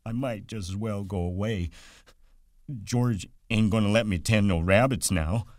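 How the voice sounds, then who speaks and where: A man voicing a big, simple-minded grown man who pleads and whines like a child, in rough country grammar. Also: measured pace, darkish tone, dry recording, studio quality, close to an everyday voice. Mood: pleading. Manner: high, whining and frantic, rough country grammar.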